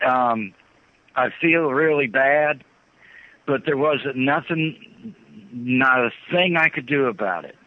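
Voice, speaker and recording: A man calling in to an interview over a phone line, talking in a halting, earnest way and often repeating himself. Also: mid-range voice, expressive, no room sound. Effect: phone line, heard over the phone. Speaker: phone-in guest. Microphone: telephone, satellite phone. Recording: tinny narrow-band phone line.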